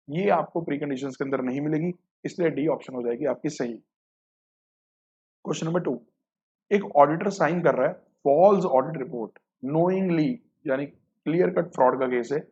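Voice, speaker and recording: A man's voice: on the high side, darkish tone, slightly rough. A man tutoring accounting exam students, explaining multiple-choice answers step by step, mixing English terms in and calling his students brother. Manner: addresses students casually, calling them brother. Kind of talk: exam-prep lecture walking through multiple-choice questions. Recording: dull lo-fi recording.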